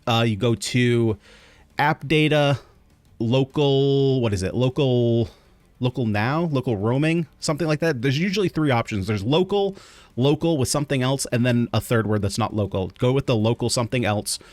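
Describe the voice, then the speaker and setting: A man's voice: medium pitch, normal speed, a little mellow, no echo. A man hosting a gaming video, talking through gameplay in a loose, rambling way with many fillers. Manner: rambling, filler-heavy explaining. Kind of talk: casual gameplay commentary.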